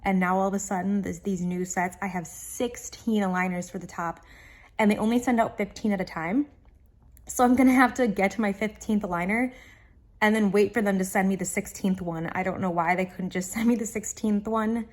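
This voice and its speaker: A woman's voice: medium pitch, fairly even intonation, fairly quick. Casual woman vlogger with an aligner lisp. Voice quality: slight lisp from wearing dental aligners. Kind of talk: casual chat to viewers.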